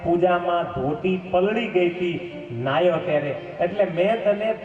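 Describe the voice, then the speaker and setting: Gentle teasing god-king, as a preacher puts him on, friendly, far from mic, faint music. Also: sits high, unhurried. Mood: coaxing. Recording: echoey hall, distant mic, dull sound, faint music.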